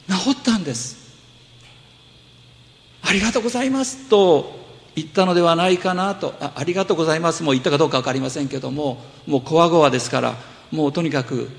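A man preaching a sermon as pastor, explaining gently with fillers and small self-corrections. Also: on the high side, creaky, in a large hall.

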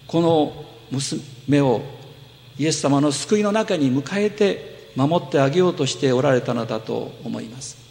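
A man preaching a sermon as pastor, explaining gently with fillers and small self-corrections. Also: a little high, in a large hall.

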